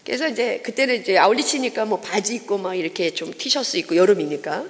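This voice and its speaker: A woman evangelist giving a testimony sermon in a church, telling her story in a lively way and acting out the people in it. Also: mid-range voice, fast. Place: church sanctuary. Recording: long reverb of a church hall.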